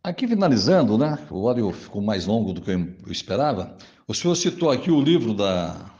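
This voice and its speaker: A man's voice: on the low side, big pitch swings, fairly quick, a little mellow. A man, a Jehovah's Witness answering a pastor in a recorded monologue. He speaks formally to the listener, often adds "né?" to his sentences, and reads scripture passages aloud. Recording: dull, lo-fi audio.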